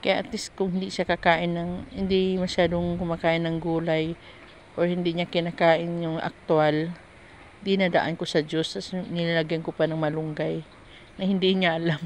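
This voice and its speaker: A woman's voice: on the low side, flat delivery, normal speed, a little hiss or hum. A woman vlogger chatting candidly about her work as a household helper, rambling and restarting as she tells her story. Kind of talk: casual chat.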